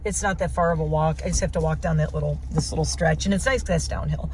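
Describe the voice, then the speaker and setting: A woman's voice: low voice, fast. An American woman chatting casually to camera inside a car, rambling and informal, often interrupting herself. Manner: rambling, animated self-interrupting, informal slangy talk. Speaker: vlogger. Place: inside a car while driving. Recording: loud car and road noise. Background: vehicle noise.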